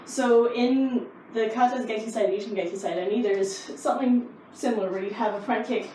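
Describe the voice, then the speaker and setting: A woman explains karate drills in an informal, easygoing teaching style. Her voice is on the higher side. The sound is roomy and echoing, a bit distant from the mic, with faint noise. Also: a little fast, mellow. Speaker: karate instructor. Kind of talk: casual instructional explanation of techniques.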